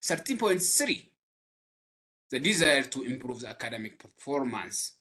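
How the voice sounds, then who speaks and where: A young man with an Ethiopian accent giving an academic talk on a video call, pausing often with fillers. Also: mid-range voice, sing-song, pushed and bright. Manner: halting, frequent pauses and fillers. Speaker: webinar presenter. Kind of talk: academic presentation.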